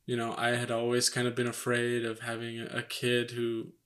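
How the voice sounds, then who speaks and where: A young man talks casually to the camera about expecting a baby, loose and joking, with plenty of "like" and "you know". His voice sits at an ordinary middle pitch for a man. He is speaking into a microphone. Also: normal speed. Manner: relaxed and joking, many fillers. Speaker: vlog co-host, expectant father. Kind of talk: casual couple chat to camera.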